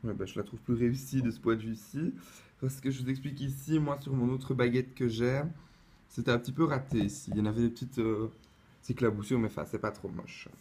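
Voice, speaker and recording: A man's voice: medium pitch, steady tone, fairly quick, a little mellow, slight background noise. A man talking casually to camera as he unboxes a replica wand, chatty and hesitant, with lots of fillers and restarts. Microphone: camera mic, close-up.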